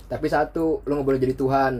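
A young man in casual podcast chat, talking in slangy, halting, earnest bits. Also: mid-range voice, level tone, a loud crowd. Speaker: podcast co-host.

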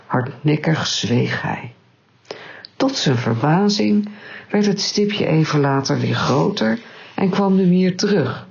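A woman reading a children's story aloud in a calm, measured way. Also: deep voice, gravelly, husky, muffled recording.

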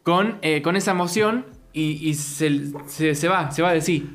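Reflective Rioplatense co-host, slightly higher man. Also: a little slow, a bit bright, soft background music. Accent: Rioplatense Spanish. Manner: searching for words, reflective. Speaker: podcast co-host. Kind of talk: casual chat.

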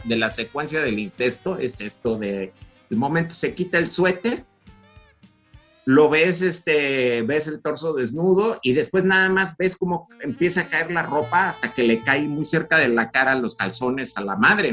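Speaking with a Mexican Spanish accent, a man co-hosting a podcast talks loosely about a film, meandering with frequent fillers and false starts. He sounds high-pitched, pushed, and bright.

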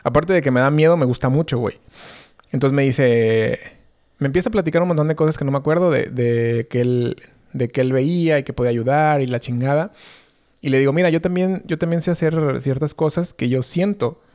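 A man's voice: mid-range voice, fairly quick, darkish tone. A young man with a Mexican Spanish accent, telling a long story in casual, slangy chat full of fillers. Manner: slangy, rambling, many fillers.

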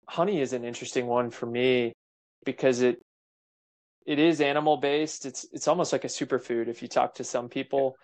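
Male host, mid-pitched, reflective and measured in conversation. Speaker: interview host. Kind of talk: conversational interview.

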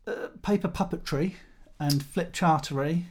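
A podcast host asking quick, wry questions in a casual interview. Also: medium pitch.

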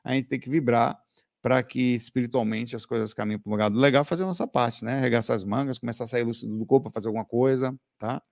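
A Brazilian man hosts a casual live stream, answering viewer questions with animated, laughing stories full of slang like "velho" and "cara." His mid-range voice is fast and creaky, recorded with clean studio sound and no room echo.

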